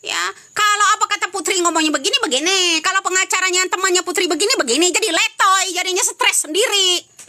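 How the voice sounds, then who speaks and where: Scolding high-voiced woman on a live stream. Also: fast talker, sharp tone, a little hiss or hum. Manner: scolding, repetitive, rhetorical questions. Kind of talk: angry live-stream commentary.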